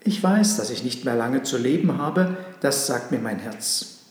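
A man's voice: medium pitch, expressive, unhurried, roomy sound, long reverb tail, natural voice. A man voicing a frail old man in a storybook who sighs wistfully. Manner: sighing, wistful.

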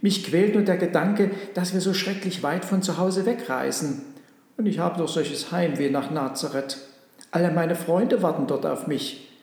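Man voicing a little donkey, homesick, gentle, raised pitch, roomy sound. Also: normal speed, natural voice. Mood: earnest. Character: small tired homesick male donkey.

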